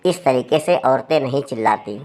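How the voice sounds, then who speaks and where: A woman's voice: extremely low pitch, animated, moderate pace, a little mellow, voice pushed down. A woman voicing a playful, bossy young sister-in-law in a storybook tale, speaking in a mocking, commanding way. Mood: teasing.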